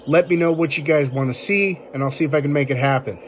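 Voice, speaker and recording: A man's voice: on the high side, quick pace, a little hiss or hum. A man hosting a casual tech tutorial, explaining things informally step by step. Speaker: video tutorial host.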